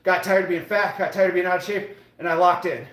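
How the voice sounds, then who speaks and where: This American man in his late thirties is a fitness live streamer chatting casually with viewers during a workout at an indoor gym. He speaks at a quick pace in a high-pitched, steady, fairly bright voice, sounding motivational and repetitive. The room is echoey.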